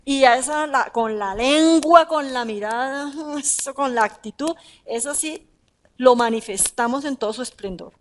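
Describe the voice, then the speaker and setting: A woman preaching a sermon, talking in an animated way with rhetorical questions and emphatic repeats. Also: high-pitched, moderate pace.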